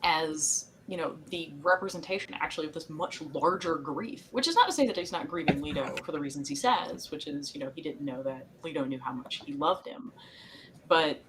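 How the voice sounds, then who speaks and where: A woman's voice: low voice, fairly quick, background noise. A woman co-hosting a podcast, recapping an episode in a chatty, meandering way with frequent laughs. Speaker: podcast co-host. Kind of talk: casual chat recapping a TV episode.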